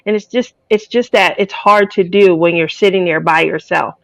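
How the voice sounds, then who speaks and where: A woman's voice: lowish voice, normal speed, vocal fry, no echo, poor audio. A woman chatting casually as a guest, rambling with lots of fillers. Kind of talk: casual chat.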